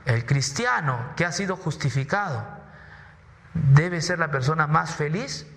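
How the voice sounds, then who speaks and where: A man's voice: fairly high pitch, measured pace, vocal fry, a bit bright, big-room sound. A man preaching a sermon in church, emphatic, often repeating words and asking rhetorical questions. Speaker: pastor. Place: church hall.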